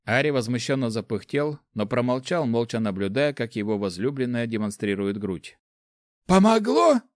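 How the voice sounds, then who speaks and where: A man narrating a fantasy story audiobook in a steady, even storytelling manner. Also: mid-range voice, moderate pace, no echo, studio quality. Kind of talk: scripted narration.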